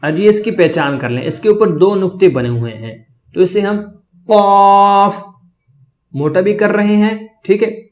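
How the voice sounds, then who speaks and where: High-voiced man teaching letter sounds. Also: animated. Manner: explains slowly, then drawls each letter loudly twice. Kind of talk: beginner pronunciation lesson.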